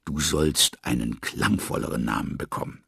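A man's voice: very deep voice, sing-song, moderate pace, gravelly, pushed and bright, breathy edge, dry recording, clean studio sound, exaggerated voice. A man voicing a cheeky, mocking male trickster in a read-aloud story. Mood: teasing.

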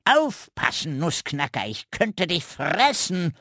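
A man voicing a boastful, long-winded old male raven with a quick temper, in a children's storybook reading. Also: on the high side, big pitch swings, bright, forceful tone, no room sound, studio quality, pitched above the performer's own voice, heavily acted. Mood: threatening. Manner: pompous and long-winded, snapping when crossed.

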